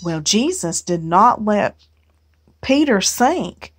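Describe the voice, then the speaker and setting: Slow, folksy woman reading scripture. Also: mid-range voice, big pitch swings, breathy edge. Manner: folksy, unhurried, reads scripture aloud then muses on it with "you know". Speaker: home Bible study host. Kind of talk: casual Bible reading and reflection. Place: at home.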